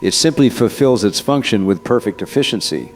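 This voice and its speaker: Soft music plays behind a man whose low-side voice moves briskly with lively intonation. He lightly acts an interviewed expert in an audio drama: a confident, earnest scientist who designed an AI system, explaining himself in an assured, persuasive manner.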